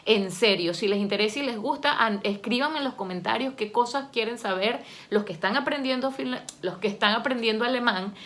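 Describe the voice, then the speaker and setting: Chatty woman, higher voice. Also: a little fast, few pauses. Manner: chatty and expressive, laughs often while telling stories. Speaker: vlogger and language learner. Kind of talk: casual talk to camera.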